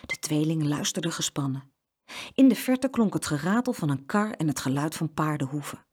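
A woman reads a children's story aloud, her voice low-set but rising and falling a lot. She keeps the reading expressive and animated. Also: normal speed, slightly rough.

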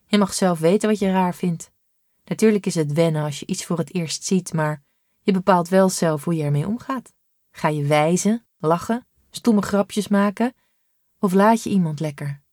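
A woman voicing a calm, patient mother who explains things gently in a read-aloud story. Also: fairly low pitch, normal speed, no echo, clean studio sound, natural voice. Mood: gentle.

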